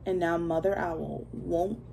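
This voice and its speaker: A woman voicing a solemn male lion king who recites a chain of blame in a measured way. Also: fairly low pitch, steady tone, creaky, dark tone, a little hiss or hum.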